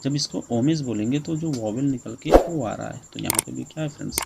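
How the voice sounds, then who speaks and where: A young man teaching an English grammar lesson in Hindi, who calls his viewers "friends" again and again and reads the English rules out slowly. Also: mid-range voice, creaky, very noisy. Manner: repeats "friends" often, explains slowly.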